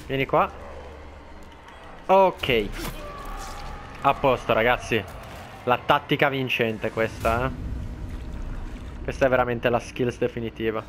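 A man talks his way through a horror game in a chatty commentary voice, taunting the enemies and breaking into sudden high yelps when something surprises him. His voice sits in a middle pitch, with faint game sounds behind it. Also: slow pace, long pauses, a little hiss or hum. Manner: excitable, talks to enemies, shouts in alarm. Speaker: gameplay commentator. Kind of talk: let's play commentary.

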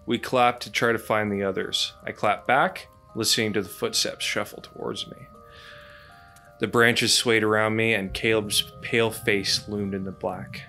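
A man's voice: fairly low pitch, steady tone, normal speed, pushed and bright, soft background music. A man hosting a podcast, reading a scary campfire story aloud with dramatic delivery. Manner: dramatic reading broken by laughter. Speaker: podcast host.

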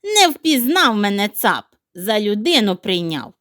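A woman's voice: medium pitch, very animated, measured pace, fairly bright tone, no echo, studio quality, voice pushed down. Woman doing a rude, greedy little pig. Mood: smug. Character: mischievous greedy young pig posing as boy.

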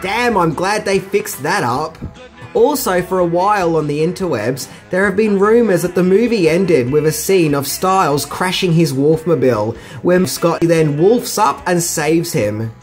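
A man's voice: high voice, lively intonation, unhurried. A middle-aged man narrates scripted movie trivia as a video host. He drops in casual, slangy asides, and music plays behind his voice.

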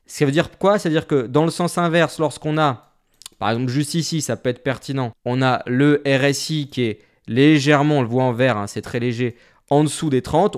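A man explaining a trading indicator step by step in a screen-share tutorial. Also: mid-range voice. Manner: explains step by step, plain and direct. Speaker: trading instructor.

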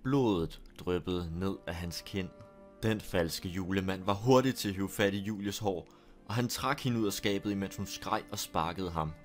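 A man with a low voice reads a horror story aloud. He keeps a steady, deliberate storytelling pace. Faint music plays under his narration.

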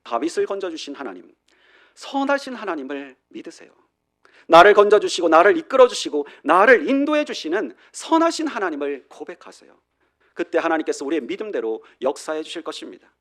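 A man preaching a sermon in a church, his fairly high voice rising and falling in wide, animated swings. He lands loud, emphatic declarations and then drops to hushed endings. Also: fairly quick. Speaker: pastor.

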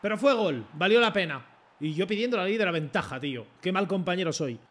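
Young guy yelling at a football game, high voice, swears a lot. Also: brisk. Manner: excitable, swears a lot, talks to the referee and coach. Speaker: gaming streamer. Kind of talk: live gameplay commentary.

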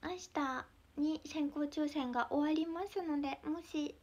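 Young woman with a Mie accent, high bright voice, giggly casual livestream host, slips into whispers. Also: steady tone, measured pace, lo-fi sound. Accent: Mie dialect. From Mie Prefecture, Japan. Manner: chatty, giggly, drifts into soft whispers. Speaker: idol livestreamer.

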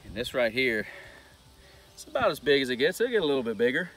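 A man, chatting excitedly to viewers about a catch while standing on a riverbank outdoors, recorded on a chest-mounted camera. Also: mid-range voice, quick pace. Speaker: fishing vlogger. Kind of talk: casual outdoor vlog. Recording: outdoor recording with faint nature noise.

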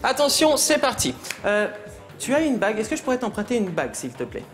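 A man's voice: high-pitched, wildly swooping pitch, a little fast, fairly bright tone, faint music behind. Man doing teasing magic stage patter. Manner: teasing, playful, laughs often. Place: TV studio stage.

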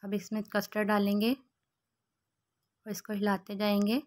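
Woman cooking host, steady monotone voice-over, calm short recipe steps. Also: medium pitch, measured pace.

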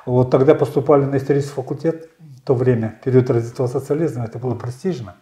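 A man in his sixties, a candidate answering interview questions in a measured storytelling way, often pausing with fillers. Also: mid-range voice, fairly even intonation, warm tone, roomy sound. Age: 60s. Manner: measured, storytelling, frequent hesitations. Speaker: election candidate. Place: small bright studio.

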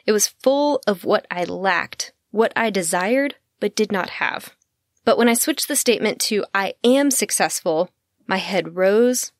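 A woman's voice: medium pitch, no room sound, clean studio sound. Blunt, candid woman podcast host. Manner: candid and blunt, swears casually; laughs easily mid-sentence. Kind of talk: casual self-help podcast talk.

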